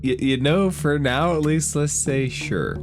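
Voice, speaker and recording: A man serves as dungeon master for a tabletop game, his slightly high voice unhurried. Loud background music plays behind him throughout.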